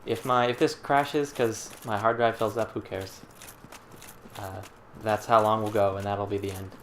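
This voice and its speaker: A young man with a fairly low voice, relaxed and dry as he chats over gameplay. He keeps a wry, easygoing tone. Faint background noise runs underneath. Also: normal speed. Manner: laid-back, wry, laughing often. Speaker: let's play co-host. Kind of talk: casual gaming banter.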